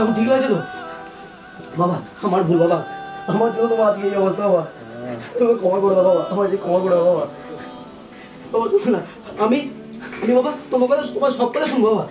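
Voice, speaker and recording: A man's voice: sits high, fast, pauses often, music in the background, natural voice. A man playing a frantic, guilt-stricken son. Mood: tearful remorse. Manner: pleading, repeats "baba" over and over. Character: young man, rich family's son, guilt-stricken over his sick father. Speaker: lead actor. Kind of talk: amateur short-film acting. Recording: roomy, distant, noisy home recording.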